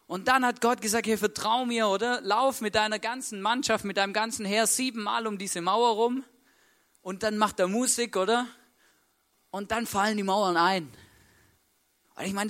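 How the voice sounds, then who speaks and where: Here a preacher's voice sits high and sounds a bit bright. He's sharing a story in a sermon in relaxed, colloquial language, voicing the characters himself and ending sentence after sentence with a questioning "right?"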